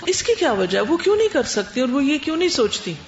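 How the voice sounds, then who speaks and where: A woman's voice: high voice, big pitch swings, a little hiss or hum. Brief: woman Quran teacher, explanatory lecture tone, roomy lo-fi recording. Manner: explanatory, mixes English words into Urdu. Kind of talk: classroom Q&A lecture. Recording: roomy, dull lo-fi classroom recording.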